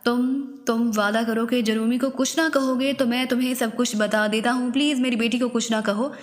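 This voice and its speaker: A woman's voice: a little high, fairly even intonation, normal speed, close to an everyday voice. A woman voicing a frightened middle-aged male crime boss who is a doting father and talks in a frantic, pleading way. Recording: long reverberant echo.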